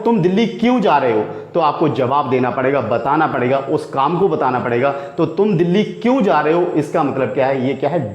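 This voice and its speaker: A man's voice: mid-range voice, highs cut off. Echoey Hindi-speaking male teacher. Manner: keeps asking rhetorical questions, repeats key words. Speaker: English teacher. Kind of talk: Hindi grammar lesson, explaining step by step.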